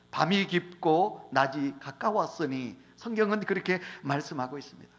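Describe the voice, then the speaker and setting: Male pastor preaching, high voice, very lively pitch, loud-soft swings, middle-aged. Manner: repeatedly addresses the congregation directly. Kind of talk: Sunday sermon.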